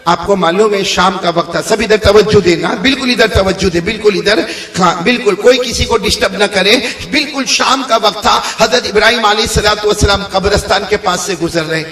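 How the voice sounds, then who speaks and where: A man's voice: high voice, few pauses, roomy sound. A man preaching a religious story to a crowd, leading them in call-and-response with dramatic repetition. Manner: prompts the crowd to repeat lines; animated, dramatic retelling with repetition.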